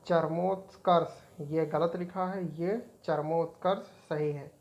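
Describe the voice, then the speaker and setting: A woman's voice: fairly low pitch, fairly even intonation, slow pace, a little mellow, dull audio. A woman teaching an exam-prep spelling lesson, repeating each word as she points out right and wrong forms.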